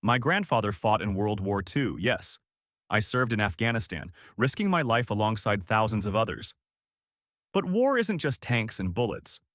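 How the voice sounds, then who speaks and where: A man's voice: sing-song, normal speed, fairly bright tone, no room sound, clean studio sound. A man reading as a defiant, dignified young man. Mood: firm. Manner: low, firm and cutting.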